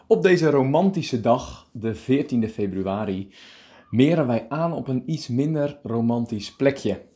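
A male preacher giving a calm radio meditation, reading scripture deliberately and explaining it. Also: medium pitch, soft background music.

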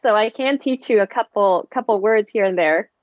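This is a casual interview chat with a friendly podcast guest: a woman in her thirties who works as a physical therapist and running coach, born in Vietnam and raised in the Bay Area, with Vietnamese as her first language. She speaks at medium pitch and normal speed over a video call. There's no echo, but the audio is dull.

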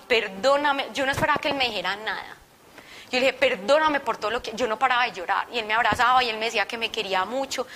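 A woman's voice: on the high side, pushed and bright, a little hiss or hum. A young woman giving a personal faith testimony to a group, telling her story expressively and acting out her own past words. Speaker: testimony speaker.

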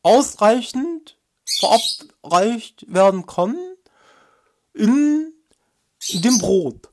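A woman voicing a pompous talking loaf of bread that gives a slow, mock-official speech in a comic fairy tale parody. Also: on the high side, animated, darkish tone.

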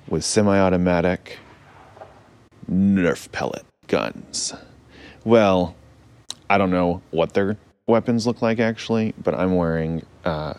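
A man's voice: low-pitched, darkish tone. A man narrating an improvised audio adventure as a captain, playful with rambling asides.

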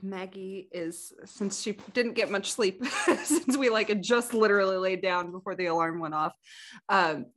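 A woman's voice: medium pitch, normal speed, fairly bright tone. A woman chatting casually as a player in a tabletop role-playing game.

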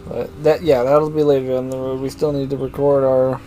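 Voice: mid-range voice, level tone, fairly quick, warm tone, a little hiss or hum, low-quality recording. A podcast host in casual chat, laughing often and swearing offhandedly while wrapping up the episode.

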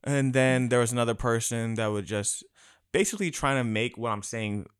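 A man co-hosting a casual chat, talking bluntly with heavy swearing and animated rants. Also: mid-range voice, normal speed, clear, resonant tone.

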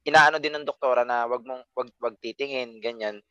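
A man's voice: mid-range voice, steady tone, brisk, sharp tone, smooth, no room sound, dull audio. A man tells family stories in an easy, self-deprecating way. His voice is recorded dry and close, with no room sound. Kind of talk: casual storytelling.

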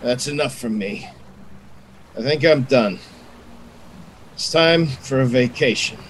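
A man's voice: medium pitch, takes it slowly, slight background noise, lightly acted, rough recording. A man playing a weary, wry gunman in an audio drama, grumbling sardonically. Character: weary, wry gunman who has had enough.

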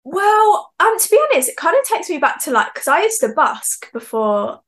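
A woman's voice: sits high, sing-song, normal speed, fairly bright tone. Chatty giggly young woman. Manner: chatty, giggly, lots of "like" fillers. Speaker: singer-songwriter guest. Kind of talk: casual interview chat.

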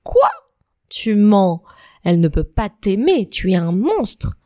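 A woman's voice: mid-range voice, big pitch swings, slow pace, a little mellow. A woman voicing a pompous young male knight who protests emphatically and stammers when thrown. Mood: flustered insistent.

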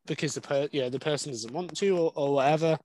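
A man's voice: fairly high pitch, fast talker, darkish tone, no room sound, low-quality recording. A young man, a dog behaviourist, talking candidly and at length in a podcast interview. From Wales. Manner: candid, conversational, explains at length.

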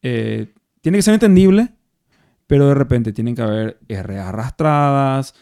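Reflective Paraguayan man with a dark voice. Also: mid-range voice, expressive, measured pace, gravelly, no echo, clean studio sound. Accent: Paraguayan Spanish. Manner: reflective, many restarts and tag questions. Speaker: actor guest. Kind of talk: casual interview chat. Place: bar or café over beers.

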